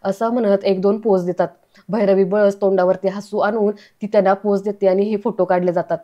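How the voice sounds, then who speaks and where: A woman narrating an episode recap of a family serial in a plain, steady storytelling manner. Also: medium pitch, normal speed.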